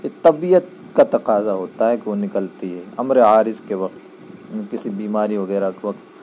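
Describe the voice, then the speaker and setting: A man's voice: lowish voice, mellow, slight background noise, rough recording. A man teaching a grammar lesson, explaining patiently and checking that his students understand. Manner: patient, repeats key points, checks understanding.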